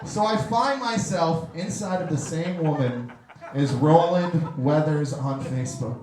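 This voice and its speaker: A man doing a stand-up comedy set on a club stage, telling a story with animated delivery and shouted punchlines. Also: fairly high pitch, unhurried. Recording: roomy live club recording with crowd noise. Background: audience laughter.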